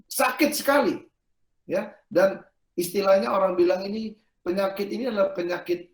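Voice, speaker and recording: A man preaching a sermon as pastor, telling a story with lively animation and often turning to address his listeners directly. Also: high-pitched, moderate pace. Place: church service hall. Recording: echoey worship hall.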